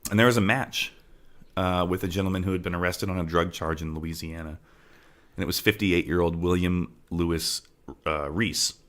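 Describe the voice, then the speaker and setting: A man's voice: deep voice, fairly even intonation, moderate pace, a bit bright. A man co-hosting a true-crime podcast, talking casually and loosely, often checking in with "right?". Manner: conversational, often adds "right?", trails off into laughter at times. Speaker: podcast co-host. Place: home with farm animals nearby.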